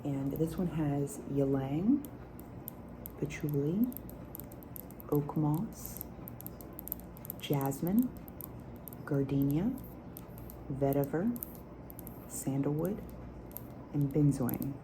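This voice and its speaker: A woman with a very low voice speaks softly and slowly, almost whispering, in an ASMR review style. Clear nail tapping and clicking runs along with her hushed talk. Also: lively intonation, noisy background. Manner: soft, hushed, near-whispered speech. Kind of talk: soft-spoken ASMR product review.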